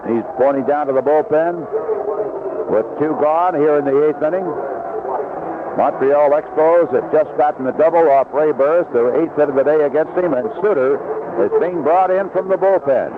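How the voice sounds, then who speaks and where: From an outdoor ballpark broadcast booth, a man calls live baseball play-by-play for radio in clipped, descriptive phrases. His voice is a little high and moves at a normal speed, captured on a noisy, lo-fi 1970s AM broadcast.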